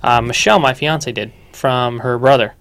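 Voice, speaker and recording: A man's voice: mid-range voice, moderate pace, a bit bright. Laughing young man hosting a chat. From Texas. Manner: rambling, laughs often, many restarts. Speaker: co-host. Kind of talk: casual gaming roundtable chat. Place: livestream studio.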